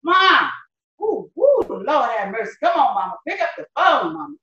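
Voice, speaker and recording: Give me a woman doing a scornful, emphatic daughter, bright and high, in an echoey lo-fi room. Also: sing-song, moderate pace, full character voice. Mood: worked up. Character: bitter grown daughter about to marry. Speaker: church skit actor. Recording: echoey, dull lo-fi sound.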